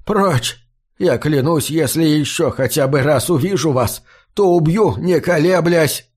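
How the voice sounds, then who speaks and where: A man's voice: animated, measured pace. A man doing a furious, sobbing old farmer. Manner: shouting, sobbing, strained high voice. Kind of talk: audiobook character voice.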